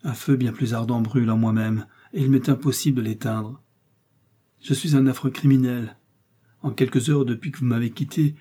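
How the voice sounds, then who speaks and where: A man's voice: mid-range voice, dark tone, husky, close to an everyday voice. A man voicing a guilt-ridden man who pleads for rescue in anguish, in an audiobook reading.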